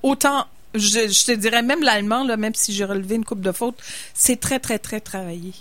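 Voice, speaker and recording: Québécoise woman cutting in with remarks on a book, slightly high voice, dry sound. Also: a bit bright, no echo. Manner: conversational, adds quick remarks. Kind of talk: casual radio book chat.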